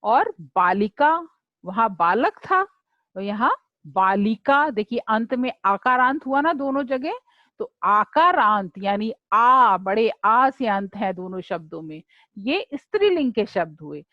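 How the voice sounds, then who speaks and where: A woman teacher explaining a lesson slowly and deliberately, repeating words for her students to say along with her. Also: fairly high pitch, big pitch swings, dry recording, highs cut off. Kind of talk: slow classroom explanation.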